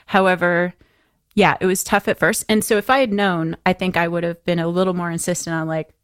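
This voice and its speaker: A woman's voice: on the low side, fairly even intonation, fairly quick, clear, resonant tone, no room sound, clean studio sound. A woman chatting candidly as a podcast guest, laughing often. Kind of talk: casual podcast chat.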